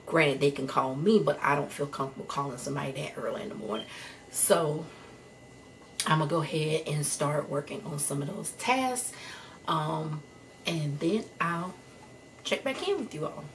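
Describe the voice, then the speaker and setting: A woman working as an HR case manager, talking to her viewers in a relaxed, chatty vlog style from home. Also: low voice, normal speed, a little hiss or hum. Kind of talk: casual vlog talk to viewers. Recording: a little distant from the mic, faint room ambience.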